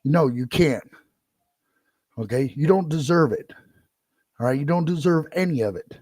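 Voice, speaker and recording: This is a furious one-man podcast rant from a middle-aged host who swears and keeps circling back to the same points. He speaks at a normal pace in a higher, animated, slightly mellow voice, recorded cleanly in a studio without echo.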